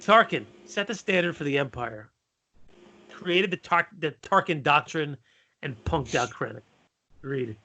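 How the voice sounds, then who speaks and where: A man co-hosting a casual fan podcast, talking in a loose, halting way with lots of fillers. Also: a little high, expressive, bright, forceful tone. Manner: laid-back, halting, many fillers. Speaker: podcast co-host. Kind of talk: casual chat.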